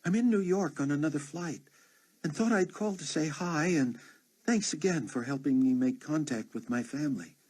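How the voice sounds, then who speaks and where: A woman's voice: low voice, normal speed, darkish tone, breathy edge, pitched above the performer's own voice. A man voicing a friendly, chatty female flight attendant leaving a phone message. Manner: chatty, breezy.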